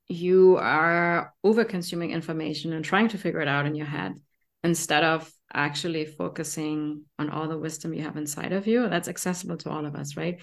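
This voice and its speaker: A woman with a German accent co-hosting a podcast, chatting in an enthusiastic, conversational way and often tagging sentences with "right?". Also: on the low side. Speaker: podcast co-host. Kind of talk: casual podcast chat.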